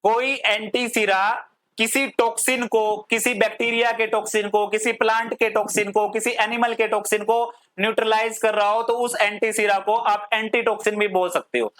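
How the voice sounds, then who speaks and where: A woman's voice: a little high, little pitch movement, moderate pace, fairly bright tone. Female pharmacy teacher, patient classroom lecture in Hindi and English, asks the class questions and answers them, drawls terms. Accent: Hindi-English code-switching. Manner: drawls long technical terms word by word.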